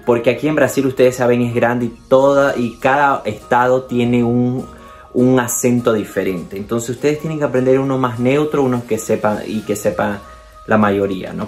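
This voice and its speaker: A man from Bolivia with a Bolivian Spanish accent, chatting casually to the camera and encouraging his viewers. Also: medium pitch. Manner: chatty and encouraging, addresses viewers directly, often says "entonces". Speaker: video host giving language tips.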